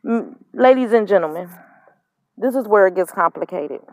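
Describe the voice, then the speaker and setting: A woman's voice: medium pitch, animated, normal speed, a little mellow, no room sound. A woman in her thirties telling the story of her custody fight straight to camera. She is frustrated and near tears, and she repeats her points with emphasis. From not from Mississippi, lived up north. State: emotional, holding back tears, smoking. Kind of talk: casual direct-to-camera vlog.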